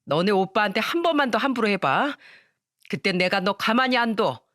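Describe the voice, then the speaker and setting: A woman's voice: mid-range voice, very animated, moderate pace, fairly bright tone, no echo, clean studio sound, pitched above the performer's own voice. A woman voicing a harsh middle-aged mother who scolds her daughter and favors her son, in a storytelling radio show. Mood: cold scolding. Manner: scolding, cold and dismissive.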